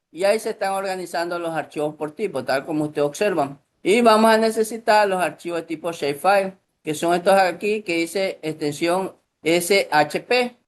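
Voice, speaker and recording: A man, patiently explaining a software tutorial step by step over a screen recording. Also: sits high. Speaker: instructor.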